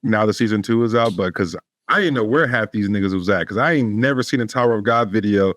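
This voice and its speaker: A man's voice: lowish voice, fast talker, a bit bright. Slangy man chatting in casual street talk. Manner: slangy, swearing. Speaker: podcast co-host.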